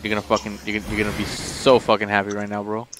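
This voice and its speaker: A man gaming with friends, chatting excitedly over voice chat and swearing a lot. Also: fairly low pitch, very fast, noisy background. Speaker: gamer streaming with friends. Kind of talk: casual voice-chat banter.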